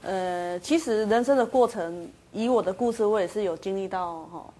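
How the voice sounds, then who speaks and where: A woman guest with a Taiwanese Mandarin accent, telling her own story in a soft, hesitant way. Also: mid-range voice, moderate pace. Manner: soft-spoken, hesitant, mixes in Taiwanese phrases. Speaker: interview guest. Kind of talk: personal story in an interview.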